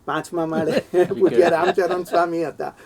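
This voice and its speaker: Over a loud crowd, a middle-aged devotee earnestly tells a heartfelt story from his own memories. His voice is fairly high, steady, and moderately paced, lifting when emotion takes hold of him.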